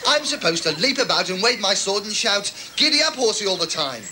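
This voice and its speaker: A man playing a vain, excitable swashbuckling hero in a comedy dub, talking in a theatrical, silly way. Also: high-pitched, brisk, background noise. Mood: indignant.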